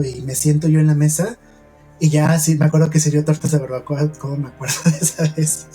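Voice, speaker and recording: Mexican man, podcast host, recounting a haunting in earnest, hushed tones; slightly high, mellow voice, faint music underneath. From Mexico, San Luis Potosí. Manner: earnest, hushed storytelling with many "o sea" fillers. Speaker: podcast host telling a personal paranormal story. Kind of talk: podcast storytelling conversation.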